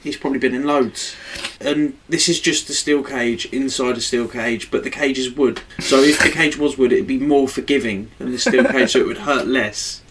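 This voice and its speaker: A man's voice: medium pitch, steady tone, moderate pace, hardly any pauses, noisy background. A man, co-hosting a casual, sweary podcast chat and rambling through jokes. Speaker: podcast co-host.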